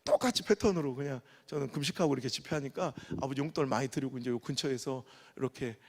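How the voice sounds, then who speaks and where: A middle-aged male pastor preaching a revival sermon, telling lively stories and swinging from quiet asides to loud bursts. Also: mid-range voice, fast talker. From Korea. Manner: animated storytelling, acts out dialect dialogue, swings from soft to loud. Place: large church sanctuary. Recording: long church hall reverb.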